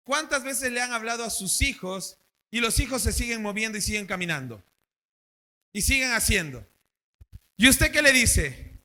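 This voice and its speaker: A man's voice: very high voice, moderate pace, pauses often. A male pastor, preaching a sermon at a church service and asking the congregation questions. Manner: animated, asks the congregation questions.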